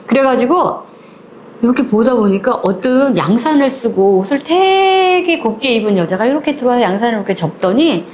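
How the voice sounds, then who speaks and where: A woman's voice: a little high, normal speed, slight background noise. A woman retelling a short story in a casual, chatty way, acting out the characters as she goes. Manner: lively, chatty, acts out the characters.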